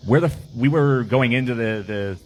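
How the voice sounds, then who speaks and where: A man's voice: mid-range voice, moderate pace, soft background music, low-quality recording. A man talking through his team's game on a casual podcast, rambling with lots of fillers and restarts. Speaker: team player on a podcast.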